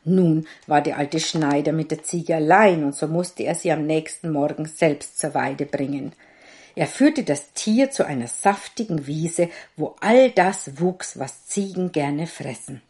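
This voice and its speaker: A woman narrating a fairy tale in a slow, measured storytelling manner. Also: low voice, expressive, a little mellow.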